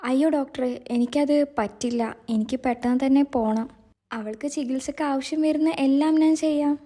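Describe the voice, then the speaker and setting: A man's voice: very high-pitched, steady tone, normal speed, mellow. A woman voicing a worried, kind-hearted young man who hit a girl with his car, speaking earnestly and apologetically. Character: young man, anxious but kind driver.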